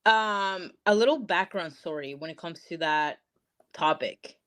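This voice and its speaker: Chatty young woman guest, low voice. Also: a little slow, fairly bright tone. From Peru. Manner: chatty, emphatic, says literally and like a lot. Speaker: podcast guest. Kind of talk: casual interview chat.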